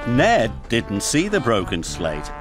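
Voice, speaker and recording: A man narrating a children's story about work machines. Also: medium pitch. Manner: slow, lively storytelling. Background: music.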